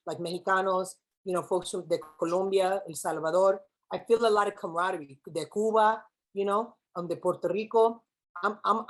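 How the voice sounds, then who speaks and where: A young woman with a mid-range voice gives a keynote speech to students that includes a spoken-word poem. She moves between English and Spanish and puts questions to the audience. The audio quality is poor.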